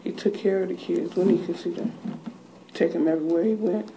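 A middle-aged woman talking informally in an interview, plainspoken, in short halting phrases. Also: on the low side, steady tone, gravelly. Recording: distant mic with background noise.

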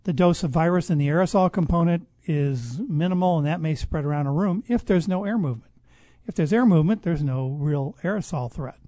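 A man speaking as a guest expert in a conversational interview, explaining at length in a measured way and often restarting his sentences. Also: fairly high pitch, warm tone, no room sound. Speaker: guest expert on public health.

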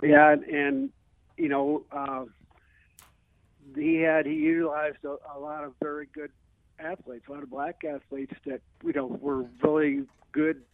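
An older American man, a retired teacher, calls into a radio show to reminisce, rambling and sprinkling in plenty of "you know." His fairly high, creaky voice swings widely in pitch at an unhurried pace, heard over a tinny narrowband phone line with no room sound.

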